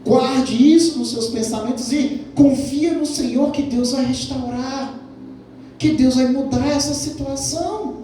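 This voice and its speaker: A man's voice: very high voice, measured pace, dark tone, slight background noise. A male pastor delivering a sermon, asking the congregation questions and repeating phrases for emphasis. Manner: preaching with rhetorical questions to the congregation. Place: church hall. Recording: very echoey church hall, mic at a distance.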